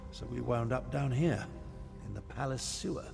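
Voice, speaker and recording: An actor playing a pompous, dryly wry nobleman mage in a fantasy video game, speaking in a measured way. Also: mid-range voice, vocal fry, a little mellow, soft background music. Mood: wry, composed. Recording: long reverb, faint background noise.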